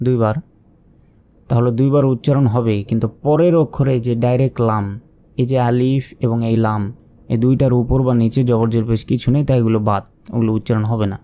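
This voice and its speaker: A man's voice: mid-range voice, fairly even intonation, warm tone. Patient man spelling out recitation. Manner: patient, asks questions and answers them himself; drawls out recited syllables slowly. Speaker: Quran reading teacher. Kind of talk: step-by-step spelling lesson.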